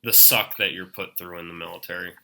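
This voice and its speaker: Laid-back young man with a bright voice. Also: low-pitched, steady tone, a little fast, vocal fry. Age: 20s. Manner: laid-back, laughs often, says "man" and "dude". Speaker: podcast guest. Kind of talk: casual chat.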